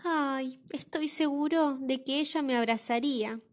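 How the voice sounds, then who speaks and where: A woman's voice: high voice, unhurried. An Argentine woman voicing a tiny, lonely young male bird in a storybook reading, in a pleading, childlike way. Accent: Argentine Spanish. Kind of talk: storybook read-aloud.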